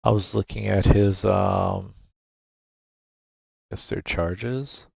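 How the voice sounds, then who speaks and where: Gravelly male streamer, close dry mic, low-key muttered game commentary. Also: slow pace, no echo. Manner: relaxed, musing, thinking aloud. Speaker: gaming streamer. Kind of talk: casual gameplay commentary. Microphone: desk microphone.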